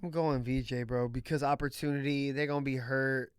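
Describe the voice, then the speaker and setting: A man's voice: mid-range voice, fairly even intonation, fairly quick, clear, resonant tone, dry recording, clean studio sound. A young man co-hosting a casual chat, laid-back and slangy, asking short questions. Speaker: co-host.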